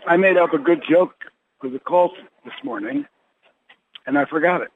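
A man's voice: fairly high pitch, normal speed, breathy edge. A man chatting casually and jokingly on a group conference call. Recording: noisy tinny phone-like line.

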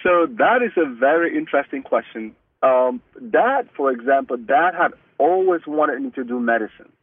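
Earnest and halting, a man from Cameroon, a native Mungaka speaker, keeps restarting sentences in a casual interview. His medium-pitched voice is expressive, and the line is dry and tinny like a phone, with no room sound.

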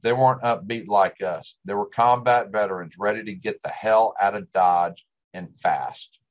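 Male storyteller, lowish voice, West Texas twang and drawl, delivering a scripted first-person monologue. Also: normal speed, muffled recording. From West Texas, United States.

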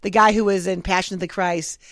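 A woman's voice: medium pitch, steady tone, fairly quick, fairly bright tone, dry recording. A woman chatting casually on a podcast, rambling with restarts and laughs. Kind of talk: casual chat.

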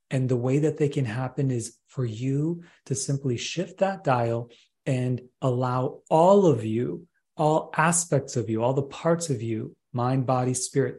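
A man speaking as a podcast guest in a soothing, gentle guiding manner, with a slightly husky voice, like someone leading a meditation. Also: medium pitch. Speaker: podcast guest, healing practitioner and psychologist. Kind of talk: guided relaxation meditation.

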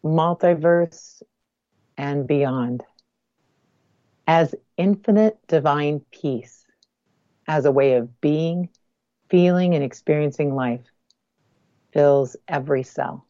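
Slow, low-voiced woman, close in your ear. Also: dark tone, dry recording, dull audio. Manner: slow, deliberate, measured phrasing with pauses. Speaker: guest energy healer. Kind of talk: spoken guided meditation.

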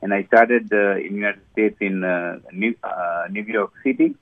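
Older male guest from Sri Lanka, halting delivery, dry tinny phone sound. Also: fairly low pitch, no echo. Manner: hesitant, many fillers. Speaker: guest surgeon. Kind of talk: interview answers.

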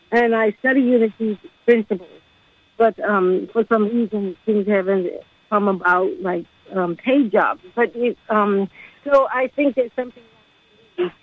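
A woman's voice: medium pitch, breathy edge, no room sound. Woman caller on a crackly, fading phone line. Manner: hesitant, halting, full of ums. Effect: crackly phone line that fades in and out. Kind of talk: call-in question to a radio show. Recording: tinny, dry phone-line audio.

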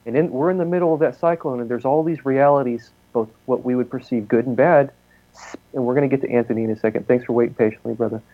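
A man's voice: mid-range voice, quick pace. A man holds forth on a live talk show, piling up swearing and loose tangents in a rambling rush. The recording sounds a little dull and lo-fi. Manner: rambling, profane, intense. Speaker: podcast co-host. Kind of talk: casual profane talk show rant.

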